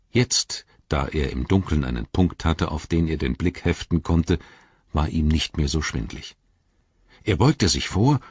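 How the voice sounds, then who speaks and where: A man narrating an audiobook in a measured, dramatic storytelling manner. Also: very deep voice, breathy edge, no echo, highs cut off. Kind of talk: scripted narration.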